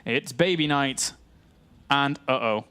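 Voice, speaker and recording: A man giving excitable play-by-play commentary on a strategy game match, laughing often. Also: mid-range voice, slow, clean tone. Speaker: esports caster.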